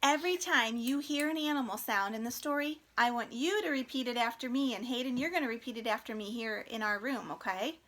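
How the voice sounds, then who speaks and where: A woman teacher reading a picture book aloud to children in an online class. She talks in an animated, coaxing way and asks questions. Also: fairly high pitch, fairly quick, hardly any pauses. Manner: animated, coaxing, stops to scold gently. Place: home room. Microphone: computer for an online class.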